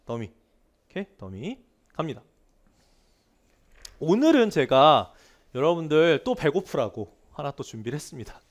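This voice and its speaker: Animated man teaching grammar. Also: on the high side, a little slow, pauses often. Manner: animated, asks students frequent rhetorical questions; repeats key words for emphasis. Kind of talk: lively online lecture.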